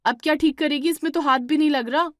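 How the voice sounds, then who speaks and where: A woman voicing a bossy elder sister-in-law in a cartoon story, loud and exasperated as she scolds. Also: high-pitched, lively intonation, fast, dry recording, studio quality, pitched above the performer's own voice. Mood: scolding.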